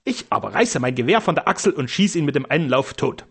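A blustering old castle steward, proud of imagined heroics, as a male narrator puts him on. He talks in a raised, swooping voice with a husky edge. It is a storybook reading. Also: on the high side, very animated, quick pace, a bit bright, heavily acted. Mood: boastful. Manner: pompous, theatrical bluster.

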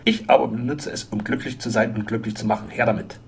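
A man voicing a burly, blunt French henchman who speaks gruffly and issues menacing warnings in a storybook reading. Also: medium pitch, steady tone, quick pace, a little hiss or hum, lightly acted. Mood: gleeful.

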